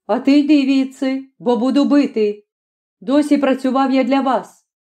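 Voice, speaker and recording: A woman voicing a rough young village man in an audiobook, speaking curtly and mockingly. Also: high voice, moderate pace, dark tone, pitched above the performer's own voice, lightly acted. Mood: taunting. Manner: curt, taunting. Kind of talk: audiobook character voice.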